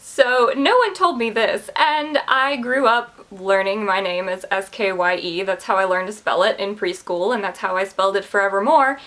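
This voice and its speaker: A woman's voice: medium pitch, normal speed, hardly any pauses, fairly bright tone. A woman in her twenties, a book vlogger talking casually to camera in a chatty, candid, self-deprecating way. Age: 20s.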